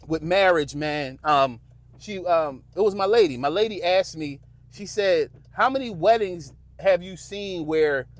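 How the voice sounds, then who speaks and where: A man's voice: a little high, no room sound. A middle-aged man, hosting a podcast and giving a casual, preachy motivational talk to men that's full of "man" and "bro.". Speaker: podcast host.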